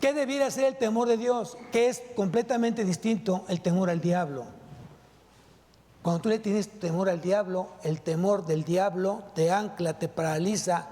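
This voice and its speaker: A male pastor delivers a sermon with a high-pitched yet mellow voice. He presses his listeners with emphatic rhetorical questions as he preaches. The sound rings with the long reverb of a church hall. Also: moderate pace. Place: church sanctuary.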